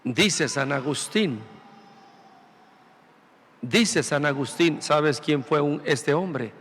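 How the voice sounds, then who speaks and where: A man's voice: a little high, drawn-out words, fairly bright tone, slightly rough, in a large hall. A man who is a priest, preaching a Sunday sermon through rhetorical questions and repeated phrases. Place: large church sanctuary.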